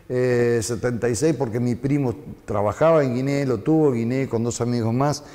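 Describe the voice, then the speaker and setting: A man's voice: mid-range voice, mellow, in a large hall. A man in his fifties with an Argentine accent, a former DJ recalling the past in a rambling interview, with many fillers. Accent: Argentine Spanish. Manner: reminiscing, rambling with frequent fillers. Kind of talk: conversational interview.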